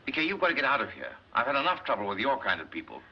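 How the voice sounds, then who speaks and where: A man's voice: mid-range voice, wildly swooping pitch, rapid-fire. A man playing a flustered, henpecked middle-aged banker in old Hollywood screwball comedy banter, protesting defensively. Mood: panicked. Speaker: actor in a comedy film. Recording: dull, noisy old film soundtrack.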